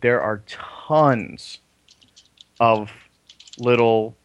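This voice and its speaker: A man's voice: mid-range voice, drawn-out words, dull audio, over music. A man co-hosting a casual gaming podcast over a voice call, teasing and joking. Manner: playful, teasing, jokey. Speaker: podcast co-host. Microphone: remote call over voice chat.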